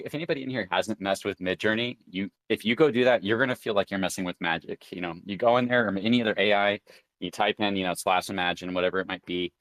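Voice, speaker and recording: A man's voice: sits low, a bit bright, no room sound. A man hosting a live crypto audio chat, rambling casually with many fillers as he thinks aloud. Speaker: crypto show host.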